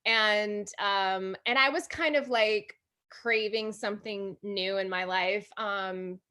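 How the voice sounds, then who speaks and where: A woman from Hawaii talks as a podcast guest, her voice bright and forward. She rambles warmly through her answers, stopping to restart sentences and laughing often. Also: mid-range voice, slow. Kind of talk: casual interview chat.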